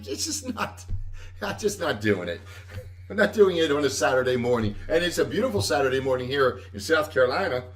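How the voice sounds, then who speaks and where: A loud man with a fairly high voice hosts a livestream, rambling casually and chuckling as he corrects himself, his pitch rising and falling in a lively way. He sits back from his webcam mic in an echoey room at home, so he sounds distant.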